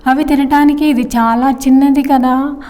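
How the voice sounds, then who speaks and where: A woman's voice: high-pitched, steady tone, normal speed, dark tone, close to an everyday voice. A woman reading a story aloud, voicing a small girl who talks like a grown-up, with a long hall reverb. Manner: grown-up, matter-of-fact. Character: bossy little servant girl.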